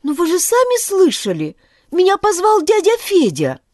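A woman's voice: very high voice, huge pitch swings, normal speed, darkish tone, no room sound, studio quality, pitched above the performer's own voice, exaggerated voice. A woman voicing a timid, kind-hearted boy who speaks earnestly and politely in a storybook reading.

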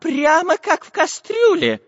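A man voicing an excitable elderly male professor who talks in shrill, breathless bursts. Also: a little slow, dry recording, dull audio, heavily acted. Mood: excited.

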